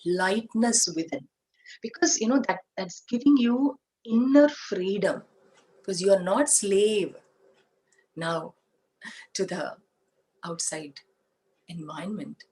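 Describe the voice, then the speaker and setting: A woman with an Indian English accent giving a spiritual talk, explaining slowly with everyday examples and asking the audience questions. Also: medium pitch, a little mellow, poor audio. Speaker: spiritual teacher.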